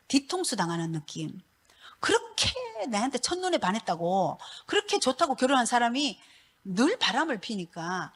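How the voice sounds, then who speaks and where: A middle-aged woman, a pastor's wife giving a church testimony in a lively, laughing storytelling manner. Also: a little high, husky.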